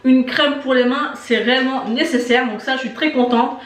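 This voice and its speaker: A woman's voice: sits high, moderate pace, recorded from a distance. Chatty woman unboxing beauty products. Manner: chatty, enthusiastic, many fillers and repeated "très très". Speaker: beauty vlogger. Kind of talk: casual unboxing review. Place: indoor room with shelves of lipsticks behind. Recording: echoey room.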